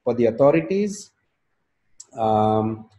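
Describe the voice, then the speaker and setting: A man giving a business pitch, steady and explanatory with some fillers. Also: slow pace. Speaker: startup presenter.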